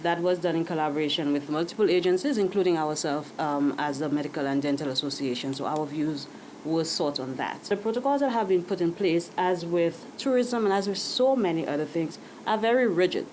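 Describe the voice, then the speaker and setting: A woman speaking in a news interview as head of a medical association, calm and measured, with fillers now and then. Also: sits low, a little hiss or hum, low-quality recording.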